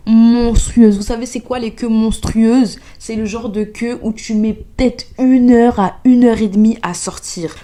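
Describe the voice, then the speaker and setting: A young woman from France telling a travel story as a vlog, replaying her own panic in a high voice. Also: dark tone. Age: young adult. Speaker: vlogger.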